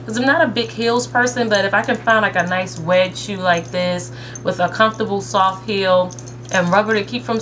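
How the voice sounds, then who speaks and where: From her bedroom, a young haul vlogger talks straight into her desk-distance webcam, showing viewers what she bought. Her friendly, mid-range voice is a bit bright, and her delivery is chatty and upbeat. A faint background hiss sits under the recording.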